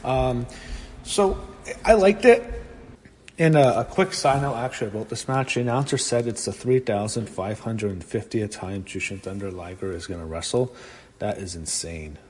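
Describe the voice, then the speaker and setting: A man giving a casual solo review of a wrestling show, rambling and excitable, swearing when annoyed. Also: fairly low pitch, normal speed. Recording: long room reverb with faint background noise.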